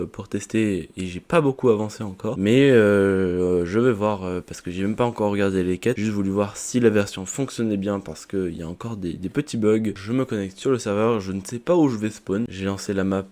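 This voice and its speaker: A man's voice: fairly low pitch, darkish tone. A man casually commenting on his own gameplay in French as a YouTuber, thinking aloud with many fillers, on a poorly set-up mic. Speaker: gaming YouTuber. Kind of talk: casual let's-play commentary.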